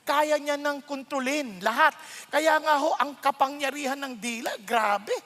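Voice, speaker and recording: A man's voice: very high voice, unhurried. Filipino guy preaching in a big echoey church hall, keeps asking the crowd questions. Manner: animated, rhetorical questions, mixes English into Tagalog. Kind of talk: sermon. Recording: long reverb of a large hall.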